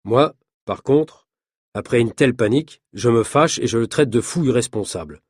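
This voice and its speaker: A man reading a story aloud as scripted narration for French learners, in a clear, even storytelling manner. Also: mid-range voice, normal speed, no echo, clean studio sound.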